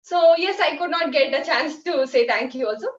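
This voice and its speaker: A young woman from India with an Indian English accent, telling a personal story as a guest in a halting, heartfelt way with many fillers. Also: high-pitched. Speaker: guest volunteer. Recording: echoey, distant, dull sound.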